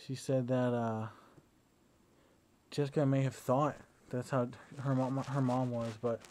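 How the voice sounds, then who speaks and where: In a mid-range voice at a measured pace, a young man lies down at home and records a casual video diary on a battery-powered camera. He's relaxed but hesitant, with fillers and restarts, and a slight hiss or hum can be heard.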